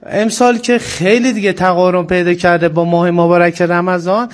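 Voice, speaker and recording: A man's voice: high-pitched, level tone. A man with an Isfahani accent, answering politely and a little hesitantly as a guest in a radio interview.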